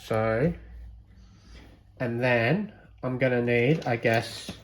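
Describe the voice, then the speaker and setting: A man with a mid-range voice speaks very slowly. In a casual, unplanned walkthrough of his homemade electronics project, he thinks aloud with plenty of hesitation.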